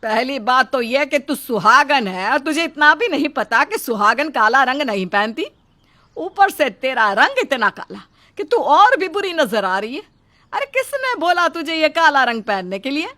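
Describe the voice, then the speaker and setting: A woman's voice: high-pitched, big pitch swings, normal speed, sharp tone, full character voice. A woman voicing a harsh, scornful middle-aged mother-in-law in a cartoon story, scolding and taunting.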